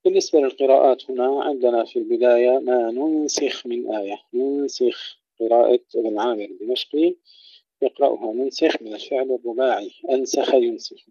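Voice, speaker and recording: A man teaching Quranic recitation rules. He recites each word slowly and then explains the rule in plain terms. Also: mid-range voice, steady tone, dark tone, no room sound, dull audio. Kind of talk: tajweed lesson with recited examples.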